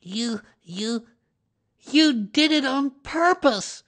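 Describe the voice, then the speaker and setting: Storybook reader as a little boy piglet, high squeaky voice, slow jerky delivery, anxious, indignant, bravely protesting. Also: animated, a bit bright, heavily acted. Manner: jerky, spluttering, trying to sound brave.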